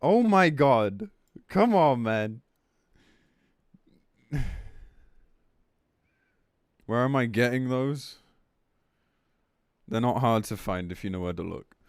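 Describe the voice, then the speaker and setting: In a casual livestream rant, a man who streams games reads news aloud and reacts bluntly, cursing and sounding exasperated. He speaks at medium pitch, animatedly but slowly, pausing often. It's a clean studio recording with no room sound.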